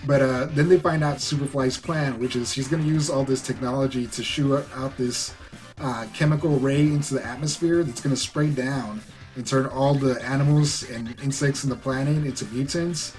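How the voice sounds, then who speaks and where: A man's voice: medium pitch, fairly even intonation, normal speed, darkish tone, faint music behind. A man recapping a movie in a casual, rambling way, full of "like" and "you know.". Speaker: movie reviewer.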